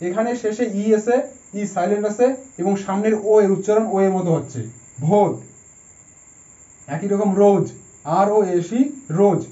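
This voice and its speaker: High-voiced man teaching in an echoey room. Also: mellow, muffled recording. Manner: patient, spells words letter by letter. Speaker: English spelling teacher. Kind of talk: explaining a lesson step by step.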